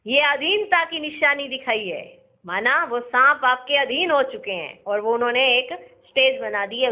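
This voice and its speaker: A woman giving a devotional spiritual discourse, speaking in a slow, measured way and repeating blessing phrases. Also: sits high. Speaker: spiritual teacher. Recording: tinny phone-like audio.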